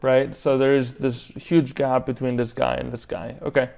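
A man's voice: mid-range voice, level tone, moderate pace, creaky, a little mellow. A man in his thirties from Greece, co-hosting a podcast debate, hesitant and probing with many fillers, on a lapel mic in a studio lounge. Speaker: podcast co-host. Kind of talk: casual debate chat. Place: studio lounge set with armchairs.

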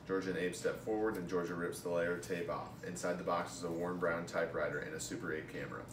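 A young man reads a script aloud at home, handling both the stage directions and a part as an amateur. His low voice is fairly even and fast, picked up by a camera a few feet away, so the audio is distant and echoey with clear noise.

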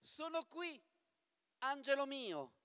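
An old hooded witch from a storybook, as a man acts her out. She speaks in a high, shrill voice that swings sharply as she commands and threatens. The sound is close and dry. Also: big pitch swings, normal speed, pushed and bright, smooth, no room sound, exaggerated voice. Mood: menacing.

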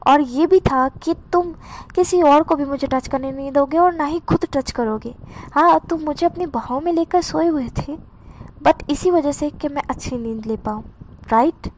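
A woman's voice: high voice, normal speed, a little mellow, natural voice. Shy, trusting young man, read by a woman; hesitant, a bit stammering, light tone.

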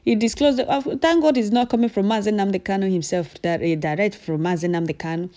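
A woman's voice: medium pitch, fast talker, dark tone. A Nigerian woman giving emphatic, repetitive news commentary as an activist over event footage.

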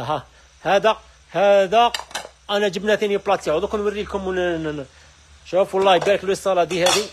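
A man with an Algerian accent running a live sales stream from a household goods shop, with rapid, repetitive calls to look at the wares. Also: high-pitched, background noise. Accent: Algerian Arabic.

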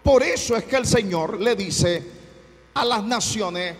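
A man preaching a sermon as pastor, fervent, often breaking into shouts and repeating his phrases. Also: sits high, animated, takes it slowly, in a large hall, faint music behind.

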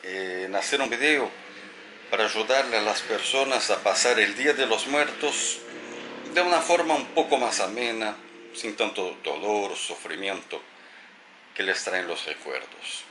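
A man, a teacher, giving a gentle, thoughtful reflective talk to camera and telling a story. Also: fairly low pitch, unhurried, background noise.

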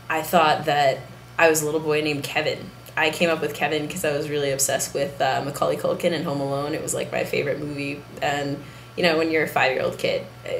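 A young man talking candidly to camera in a casual video diary, unhurried and soft-spoken. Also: on the high side. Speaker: vlogger. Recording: roomy with faint background hiss.

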